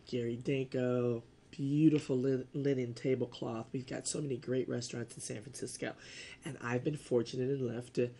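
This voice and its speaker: A woman's voice: rumbling low, warm tone, breathy edge. A woman hosting her own lifestyle show, speaking directly to her viewers in an enthusiastic, emphatic way. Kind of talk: direct-to-camera show intro.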